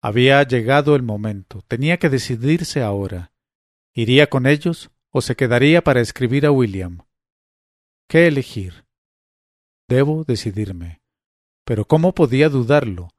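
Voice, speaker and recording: A man reads a literary story aloud in a measured, quietly dramatic way, touching the characters' lines with light voicing. His pitch sits in a middling range. The sound is close and dry, with no room around it. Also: animated, no room sound. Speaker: narrator. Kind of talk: audiobook reading of a literary story.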